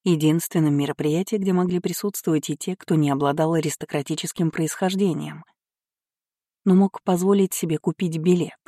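An audiobook narrator reading a period novel in an even, measured way. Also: mid-range voice, dry recording, studio quality. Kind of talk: scripted narration.

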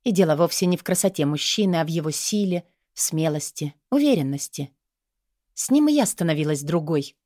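A woman narrating a first-person romance audiobook in a measured, expressive voice. Her voice sits somewhat low, and the recording is dry and close with no room sound. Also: no echo.

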